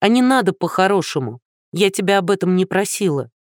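Sharp-tongued prickly young woman, voiced by a man reading a storybook, higher, clipped, dry close sound. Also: animated, measured pace, dry recording. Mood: scornful.

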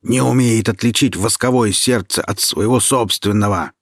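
A gloating, domineering male forest sorcerer , put on by a man reading the tale aloud. The voice is husky and sits a little lower than usual, in a dry, close sound. He barks orders and then drops into a slow, threatening hush. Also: no echo. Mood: angry, boastful. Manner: loud and commanding, turning to a slow menacing hush.

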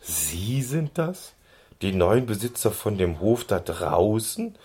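Man doing a gruff pompous policeman. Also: fairly low pitch, animated, slow, darkish tone, full character voice. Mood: surprised. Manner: gruff, growling. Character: stout pompous red-faced policeman.

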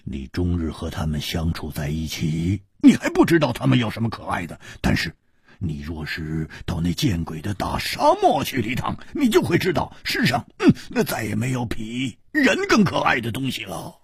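A man voicing a bluff, hard-drinking male swordsman who huffs and exclaims loudly, with a husky voice. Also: lowish voice, huge pitch swings, normal speed, no echo, studio quality, heavily acted. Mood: musing. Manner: grumbling huffs and loud exclamations.

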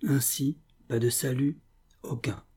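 A man's voice: mid-range voice, steady tone, slow pace, dark tone, slightly rough, pitched above the performer's own voice. A man voicing a proud young woman rebel commander, fierce and commanding, then tearful. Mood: anguished.

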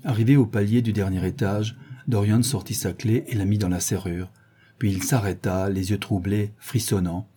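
A man narrating a classic novel in a measured, dramatic reading. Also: fairly low pitch, fairly even intonation, mellow, husky. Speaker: audiobook narrator. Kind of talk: scripted narration.

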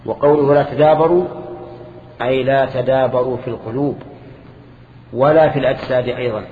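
An older man explains a text slowly to a circle of students. He sounds roomy, with a long hall reverb. The recording is dull, old-tape lo-fi, with a light hiss behind him. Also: mid-range voice, steady tone. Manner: measured explanations with questions to the class. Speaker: sheikh teaching a hadith lesson. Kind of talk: classical lesson commentary with students.

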